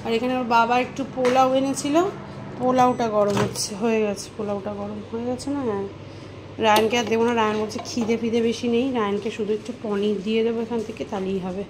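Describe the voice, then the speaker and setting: Woman vlogger, higher voice, chatty housework narration, noisy home recording. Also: fairly even intonation, brisk. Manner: chatty, talks to viewers while doing housework. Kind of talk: casual vlog narration.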